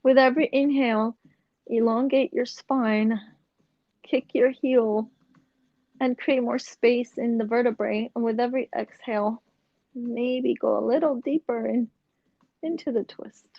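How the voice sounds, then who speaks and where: A young woman guiding a yoga class, giving slow, gentle cues with casual asides. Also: on the high side, fairly even intonation, dry recording, highs cut off. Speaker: yoga instructor. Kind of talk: guided yoga instruction.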